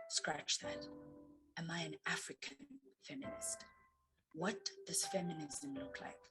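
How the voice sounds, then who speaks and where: A woman from Zambia, a student storyteller, reads her own reflective personal story as recorded narration. Her voice is lowish, and the low-quality recording has faint music in the background.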